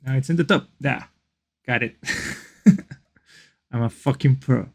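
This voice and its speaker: Guy streaming, gravelly fry in his voice, english isnt his first language, slow halting thinking out loud. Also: medium pitch. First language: not English. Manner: halting, repeats phrases and questions to himself. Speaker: streamer reacting to a video. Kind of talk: casual live stream commentary, thinking aloud.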